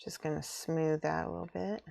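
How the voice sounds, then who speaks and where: A woman's voice: sits low, flat delivery, normal speed, vocal fry, mellow. A woman chatting casually on a live stream as she works on a craft, informally thinking aloud and muttering to herself. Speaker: streamer building and painting miniature models. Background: music.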